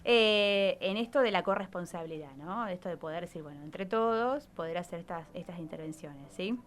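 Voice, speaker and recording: An Argentine psychologist speaks on the radio from a studio, explaining things conversationally in an interview and often tacking on short tag questions to seek agreement. She has an Argentine Spanish accent and a fairly quick, lowish voice.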